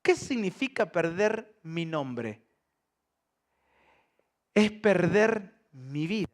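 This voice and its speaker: A male pastor preaches to a live congregation. His voice sits a touch high for a man. He keeps it lively and joking and throws questions at the room. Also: very slow. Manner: lively, humorous, asks the congregation rhetorical questions. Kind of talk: sermon. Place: church service before a congregation.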